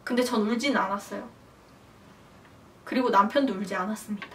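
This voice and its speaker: A young woman vlogger casually telling a personal story to camera, animated and acting out quotes. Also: mid-range voice, a little fast, distant mic, a little hiss or hum. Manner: animated, acts out her own past shouts and quotes.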